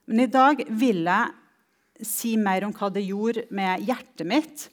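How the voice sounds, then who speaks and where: Earnest woman giving a slow testimony. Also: mid-range voice. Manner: earnest, reflective, with slow emphatic pauses. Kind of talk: personal testimony talk.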